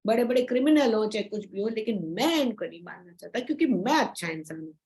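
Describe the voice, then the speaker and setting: A woman teacher talks through a sacred text in an easy, conversational way. She keeps checking in with her listeners through tag questions. Her voice sits a little high. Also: expressive, quick pace, darkish tone, poor audio. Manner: chatty, explaining, with frequent tag questions. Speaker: spiritual teacher. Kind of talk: informal scripture explanation.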